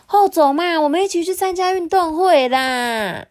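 A woman doing a squeaky little rice cooker girl. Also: moderate pace, a little mellow. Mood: playful.

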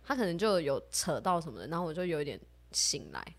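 A young woman chats on a podcast at a rapid clip. Her voice jumps up and down with expression as she recounts stories, breaking into laughter and tossing in casual curses. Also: sits low. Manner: animated storyteller, laughs often, swears casually. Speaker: podcast co-host. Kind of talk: casual chat.

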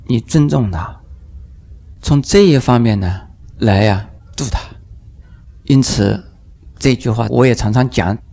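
An older man, a Buddhist master, giving a dharma lecture in an unhurried way, drawing out his phrases and briefly acting out the voices in his examples. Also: medium pitch, gravelly, a little mellow. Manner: unhurried, drawn-out phrases with sentence-final particles, acting out quoted voices.

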